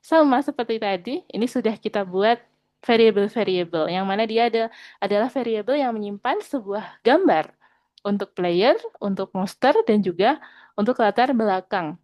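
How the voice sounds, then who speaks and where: A woman teaching an online programming lesson. She speaks patiently, keeps checking in with her students, and slows down when she reads out code. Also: medium pitch, a little mellow, no room sound.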